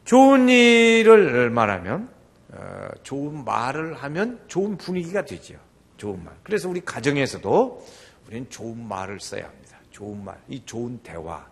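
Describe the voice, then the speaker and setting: An older man preaching a sermon, his voice gravelly and husky. He swings his pitch widely and slips into the voices of the people in his stories as he preaches. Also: moderate pace. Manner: animated, acts out quoted voices. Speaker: pastor.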